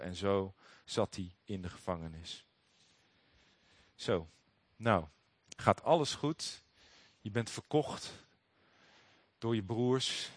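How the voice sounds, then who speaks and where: A man with a fairly low voice reads scripture and then explains it in a sermon. He talks in a halting way, often pausing on fillers and restarting his sentences. The recording is dry, with no room sound. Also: no room sound. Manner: hesitant, many fillers and restarts. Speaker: preacher. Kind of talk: Bible reading with commentary.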